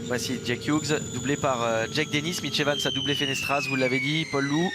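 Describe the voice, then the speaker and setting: A man's voice: mid-range voice, fairly even intonation, fairly quick. A man giving live motorsport play-by-play, reacting to the action and repeating phrases for emphasis. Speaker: motorsport commentator. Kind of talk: live race play-by-play commentary. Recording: loud engine and trackside noise behind.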